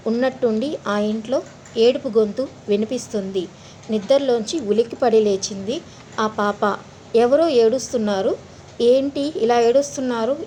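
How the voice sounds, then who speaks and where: A woman's voice: on the high side, a little mellow, a little hiss or hum. A woman narrating a supposedly true horror story in a plain, conversational way.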